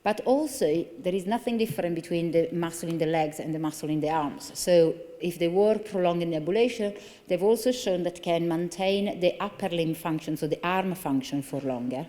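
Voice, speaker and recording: With a dark, lowish voice at normal speed, an Italian-accented woman lectures in a large conference hall, her lectern microphone capturing long hall reverb. She is a consultant neurologist giving an earnest, explanatory conference talk, with frequent fillers and restarts.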